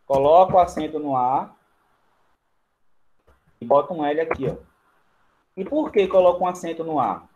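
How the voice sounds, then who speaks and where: A man's voice: a little high, moderate pace, pauses often, a little mellow, lo-fi sound, slight background noise. A man with a Brazilian accent teaching a grammar lesson. He explains each step in turn while writing on a board and keeps checking in with the class. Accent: Brazilian Portuguese. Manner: writes on a board while talking.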